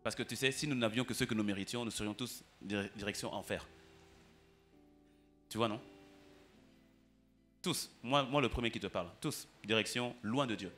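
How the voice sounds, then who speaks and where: A man's voice: fairly low pitch, moderate pace, pauses often, fairly bright tone, faint music behind. A man preaching a sermon as pastor, passionate, with stammered repetitions and acted-out dialogue.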